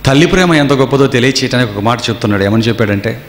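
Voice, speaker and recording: A man with a mid-range, expressive voice preaches a sermon to a gathering in a seminar hall, talking very fast. He tells stories and keeps firing rhetorical questions at the audience, and the echoey hall adds long reverb.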